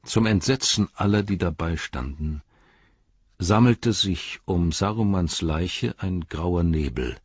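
A man narrating an audiobook in a measured, grave way, in a dry, slightly dull recording. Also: sits low, animated, husky, no echo.

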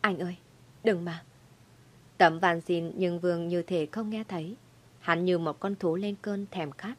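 A woman narrating a dramatic audio story in a lively storytelling manner. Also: lowish voice, normal speed.

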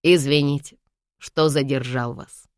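A woman reading an audiobook voices a calm, gently teasing young man who speaks matter-of-factly. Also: rumbling low, measured pace, dry recording, clean studio sound.

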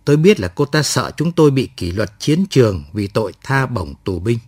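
A man's voice: mid-range voice, big pitch swings, normal speed, a little mellow, breathy edge, dry recording, clean studio sound. A man narrating a first-person war story aloud in a reflective storytelling manner. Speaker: audiobook narrator.

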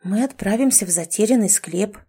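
Woman voicing a young man in a kitten's body, touchy, condescending, warm mellow tone, audiobook. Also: medium pitch, a little fast, slightly rough. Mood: grumpy. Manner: grumpy, condescending. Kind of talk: audiobook dialogue reading.

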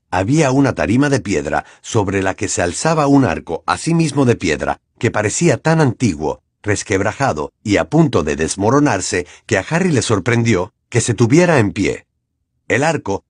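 A man narrating an audiobook in an expressive, dramatic reading. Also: on the low side, breathy edge, no echo, studio quality. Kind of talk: scripted narration.

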